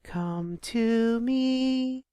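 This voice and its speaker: A man voicing an eager young male creature with a tail, chanting in a sing-song way and crying out in excitement. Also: high-pitched, drawn-out words, no echo, pitched above the performer's own voice, exaggerated voice.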